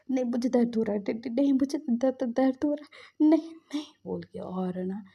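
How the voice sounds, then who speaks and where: A woman casually retelling a fan story with chatty fillers and a soft, half-whispered delivery. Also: mid-range voice, husky.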